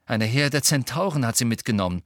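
A man's voice: medium pitch, expressive, fairly quick, no echo, studio quality, lightly acted. A man voicing an anxious, angry teenage wizard boy who talks in a snappish, agitated way.

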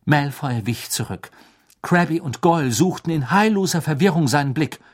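A man narrating an audiobook in a steady, even storytelling manner. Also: on the high side, normal speed. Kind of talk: scripted narration.

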